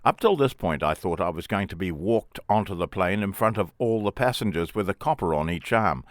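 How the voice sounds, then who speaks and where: Low-voiced man telling his story. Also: dry recording, studio quality. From England. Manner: plain, wry first-person storytelling. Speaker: memoir author and narrator. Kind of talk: reading a memoir aloud.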